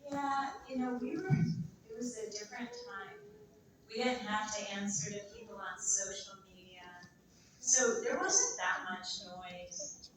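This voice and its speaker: Woman, 60s, panel guest; animated pitch, chatty, self-deprecating, distant echoey hall mic. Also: measured pace. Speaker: convention panel guest, former kids' TV host. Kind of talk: casual panel Q&A. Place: large convention hall. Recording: echoey hall, far mic, background noise.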